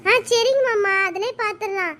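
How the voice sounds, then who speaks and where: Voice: very high voice, normal speed, fairly bright tone. A performer voicing a timid young village mother in a cartoon, answering meekly and politely. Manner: meek, polite, hesitant. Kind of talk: cartoon voice acting.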